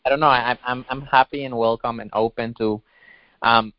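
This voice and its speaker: A man from Ecuador calls in to a radio show, speaking in a hesitant, earnest way full of restarts. His voice is smooth and clear at a middling pitch. The sound is dry and a little lo-fi. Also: fairly even intonation, moderate pace, dry recording. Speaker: caller. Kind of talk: casual phone-in question.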